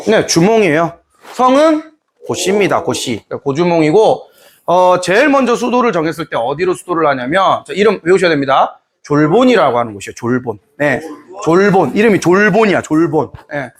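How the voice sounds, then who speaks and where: A man teaching history in a lively lecture, playfully acting out scenes from the story. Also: on the high side, normal speed. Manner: animated storytelling, playful, voices characters.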